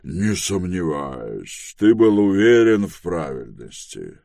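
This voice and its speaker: A composed, approving elder man from a storybook, read by a male narrator. The delivery is deep and slow, measured in every phrase. The sound is close and dry. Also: sing-song, vocal fry, darkish tone, no echo, exaggerated voice. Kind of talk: audiobook dialogue reading.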